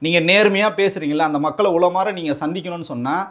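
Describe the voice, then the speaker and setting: High-voiced, rapid, combative man. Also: a bit bright. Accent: Tamil Nadu. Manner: combative, rapid rhetorical questioning. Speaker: political party spokesman. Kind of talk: heated political interview.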